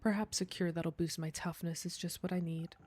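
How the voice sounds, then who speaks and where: A woman's voice: fairly low pitch, steady tone, brisk, darkish tone, breathy edge. A woman voicing an anxious, bookish writer who speaks politely and nervously, reading visual novel dialogue.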